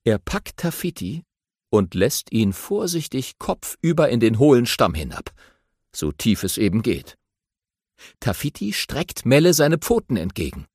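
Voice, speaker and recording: A man narrating a children's audiobook in an animated storytelling way. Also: mid-range voice, unhurried, breathy edge, no room sound, clean studio sound.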